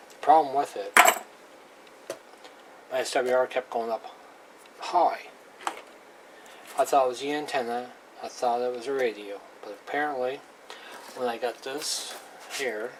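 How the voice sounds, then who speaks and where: Speaking slowly at a mid-range pitch, a hobbyist presenter walks through radio equipment in a loose, unscripted hands-on demonstration. His manner is plain and halting, and he repeats himself; the amateur recording is clearly noisy.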